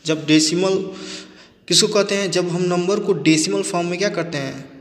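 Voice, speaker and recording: Teaching maths out loud, a man speaks at normal speed in a voice that sits high. He quizzes himself and supplies the answers, repeating every step. The recording has an echoey room with long reverb.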